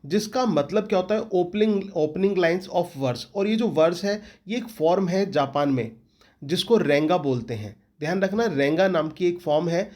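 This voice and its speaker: A man's voice: high voice, animated, normal speed, darkish tone. A man with an Indian accent who teaches English literature, giving an exam-prep lecture and often repeating questions back to his students.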